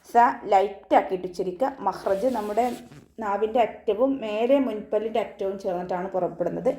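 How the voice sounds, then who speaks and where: A woman's voice: medium pitch, dark tone. A woman teaching Quran recitation rules step by step in a patient, instructive way. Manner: patient step-by-step instruction, ends lines with "kettō"; slow drawn-out chanted recitation of verses. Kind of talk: tajweed lesson, explaining and reciting.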